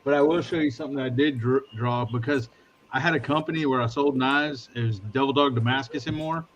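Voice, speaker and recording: A man's voice: medium pitch, brisk, highs cut off, a little hiss or hum. A man in a casual online group chat, easygoing as he talks about his past. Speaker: chat participant.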